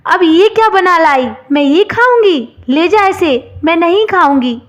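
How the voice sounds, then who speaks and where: A stern, sharp-tongued older mother-in-law from a storybook tale, as a woman narrator puts her on. She scolds in a high voice. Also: animated, a little slow. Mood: scornful.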